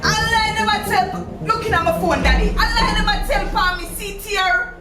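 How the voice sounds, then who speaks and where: A woman's voice: very high-pitched, moderate pace. A woman playing a defiant teenage daughter at wits end, exasperated and pleading with her father in a Jamaican accent, in a drama. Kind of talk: dramatic acting in Jamaican Patois. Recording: roomy echo, music laid over dialogue.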